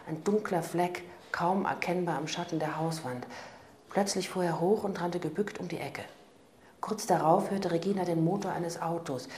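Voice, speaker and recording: Woman reading a crime novel aloud, low voice, calm, slight hiss. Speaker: audiobook narrator. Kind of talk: scripted narration.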